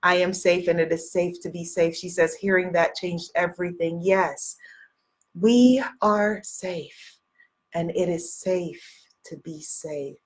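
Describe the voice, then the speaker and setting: Taking things slowly, a woman with a fairly low, slightly rough voice hosts a live video stream as a spiritual coach. She reads viewers' comments aloud and leads affirmations, repeating them encouragingly, while sniffling with a cold.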